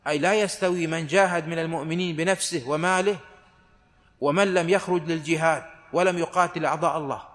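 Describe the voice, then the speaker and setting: Man teaching scripture in a reverberant hall. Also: a little high. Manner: slow deliberate recitation of verses with steady explanation. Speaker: Islamic scholar giving Quran commentary. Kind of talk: religious lesson, measured tafsir reading.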